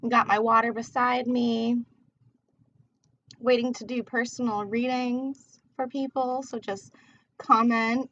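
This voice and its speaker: A woman's voice: fairly high pitch, level tone, slow, fairly bright tone. A woman chatting casually on a livestream as a tarot reader, rambling in a laid-back, slangy way while she smokes. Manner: smoking while talking. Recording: dull, muffled lo-fi livestream audio.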